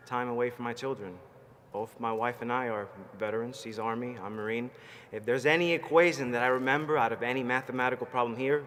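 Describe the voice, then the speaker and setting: A man in his thirties from Puerto Rico, a Marine veteran and graduate, delivers the commencement address from a stage. Speaking forcefully into the podium mic with a mid-range voice, he is rousing and fired-up yet plainspoken and personal. His words ring through the big hall with long reverb over faint background noise.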